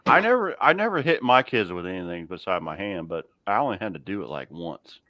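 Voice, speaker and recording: A man's voice: sits low, animated, fairly quick, sharp tone, no echo. A middle-aged man, hosting a casual live chat and telling laughing stories. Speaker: livestream host. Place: home garage.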